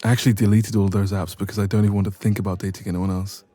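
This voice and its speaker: Playing a loving young best friend for romance roleplay audio, this man speaks in a dark, relaxed, lowish voice at a racing pace. The recording is dry and the acting light; he comes across hesitant, intimate, gently teasing, nervous and tender.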